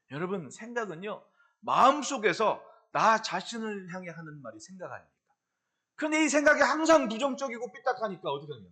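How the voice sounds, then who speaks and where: Casting: middle-aged male pastor, high lively voice, impassioned pulpit preaching with sudden quiet asides. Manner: impassioned preaching, swings from loud exhortation to low confiding asides. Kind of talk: sermon. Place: church sanctuary.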